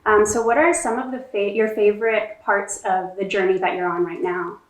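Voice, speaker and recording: A woman's voice: mid-range voice, steady tone, moderate pace. A woman co-host in a faith interview, praising the guest and asking about her journey. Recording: echoey room, mic far off.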